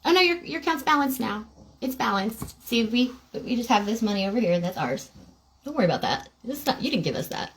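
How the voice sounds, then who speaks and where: A woman's voice: big pitch swings, slight background noise. Smug corporate rep, as a woman mocks it. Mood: patronizing. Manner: sarcastic, sing-song, faster and higher. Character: smug, condescending utility company rep, mocked.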